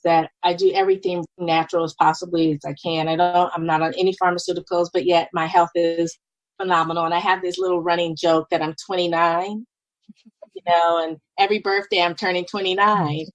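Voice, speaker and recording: A woman in her fifties, a podcast guest, telling her story in a lively, animated way and acting out what people said. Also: on the low side, fairly quick, dry recording, muffled recording. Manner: lively, animated, acts out quoted dialogue. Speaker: podcast guest, nurse and business owner. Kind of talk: casual conversational storytelling.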